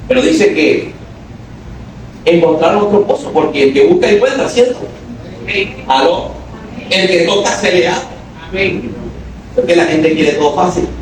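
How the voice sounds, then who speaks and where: A male pastor preaching a sermon to a congregation, calling for responses and rising to shouted exhortations. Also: high-pitched, lively intonation, a little slow, long pauses, noisy background. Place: church hall. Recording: very echoey hall, voice from far off.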